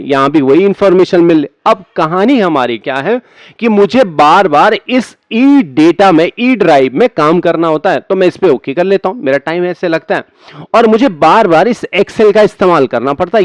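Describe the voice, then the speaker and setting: A man's voice: high voice, expressive, normal speed, no echo. A man teaching a computer lesson to students, talking casually and asking and answering his own questions. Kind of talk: screen-recorded computer lesson.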